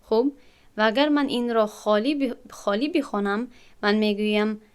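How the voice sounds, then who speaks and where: A woman's voice: fairly high pitch, clear, resonant tone. A woman teaching a recitation lesson, explaining patiently and drawing out syllables to demonstrate how they sound. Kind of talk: tajweed lesson to students.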